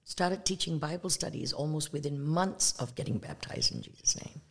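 Deep, gravelly and husky, her voice is very animated as this Malaysian evangelist guest gives a conversational testimony. She reflects earnestly on her faith, with pauses and fillers along the way.

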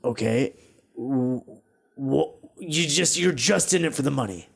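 A man's voice: medium pitch, unhurried, creaky, slightly rough. A man playing a tabletop game, speaking casually as his character and as himself.

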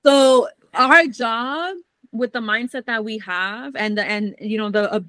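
A woman guest on a podcast talking in a casual, animated and blunt way, swearing freely. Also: fairly high pitch, unhurried, no room sound.

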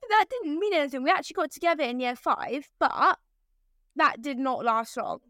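A woman's voice: high-pitched, animated, a little fast, fairly bright tone, dry recording, clean studio sound. A teenage girl co-hosting a podcast, chatting casually in a giggly, rambling way with many fillers. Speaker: podcast co-host. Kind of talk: casual chat.

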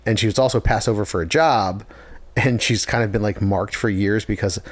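Guy recapping a tv episode on a podcast, low voice, dead dry sound. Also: brisk, no echo. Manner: long plot recaps with fillers. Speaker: podcast co-host recapping a show. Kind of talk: casual chat.

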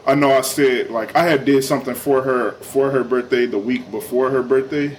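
A man in his young adult years co-hosts a casual podcast, joking and laughing easily. His talk is loose and full of slang, at an everyday middle pitch. A faint noise sits under the recording. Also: moderate pace. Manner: laid-back slang, laughs often. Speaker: podcast co-host.

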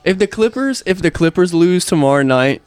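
Lively, slightly higher-voiced young man. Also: fairly quick, clean tone. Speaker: podcast co-host. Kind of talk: casual sports chat.

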